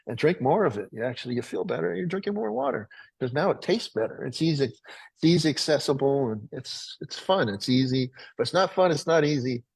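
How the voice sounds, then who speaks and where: A middle-aged man who founded a water filtration company, pitching it to plumbers on a webinar in a folksy, rambling way that keeps correcting itself. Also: gravelly, breathy edge, no echo, rough recording.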